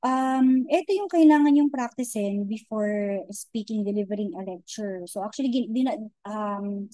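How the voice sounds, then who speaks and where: A woman giving an informal online lecture, mixing Tagalog and English, often checking in with "okay?" and pausing to search for words. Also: mid-range voice, mellow, no echo, low-quality recording. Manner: chatty Taglish, frequent "okay?" and "di ba?" check-ins; many hesitations and restarts.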